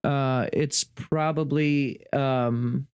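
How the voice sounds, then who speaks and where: A man's voice: medium pitch, fairly even intonation, very slow, darkish tone, clean tone. A young man co-hosting a gaming podcast, chatting bluntly and stumbling over his first words. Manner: chatty, blunt, stammering starts. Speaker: podcast co-host. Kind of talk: casual chat.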